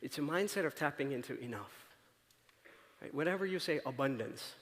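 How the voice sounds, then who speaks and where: A conference speaker gives a conversational, story-driven talk on a large auditorium stage, frequently asking the audience "right?" to check in. His medium-pitched voice is expressive, fairly bright, and a little fast. The long reverb of the large hall is audible.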